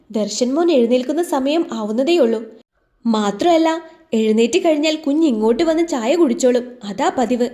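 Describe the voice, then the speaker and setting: A woman voicing a sharp-tongued middle-aged housemaid who scolds loudly and fast. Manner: scolding, shrill and quick.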